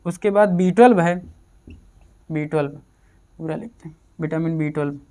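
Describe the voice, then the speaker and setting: A man's voice: fairly high pitch, moderate pace, dark tone. A man giving a casual exam-prep chemistry lecture, repeating terms and asking and answering his own questions. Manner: repetitive drilling, asks and answers own questions. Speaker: chemistry teacher.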